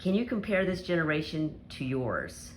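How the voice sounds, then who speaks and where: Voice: medium pitch, sing-song, normal speed, slight background noise. A student interviewer reading out questions plainly.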